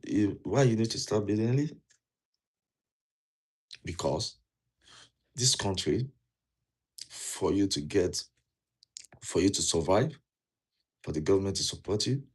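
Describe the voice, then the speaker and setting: This Nigerian vlogger's voice sits low, with a darkish, slightly rough tone. Indoors and wearing a jacket, he casually offers earnest immigration advice in Nigerian English, returning to key points and asking viewers questions.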